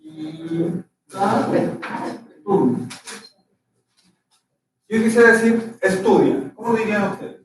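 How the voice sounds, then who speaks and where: A man's voice: high voice, slow, long pauses. A man teaching a language class, explaining patiently and often checking that his students follow. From Chile. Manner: patient, checks understanding with frequent "¿cierto?". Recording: echoey, distant from the mic, faint noise.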